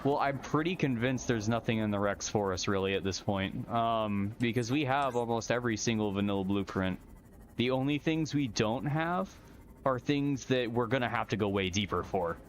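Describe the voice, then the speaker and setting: A man's voice: medium pitch, moderate pace, muffled recording, slight background noise. A man giving casual, chatty gameplay commentary, explaining things in colloquial language as he plays. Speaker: gamer hosting a modded survival game stream.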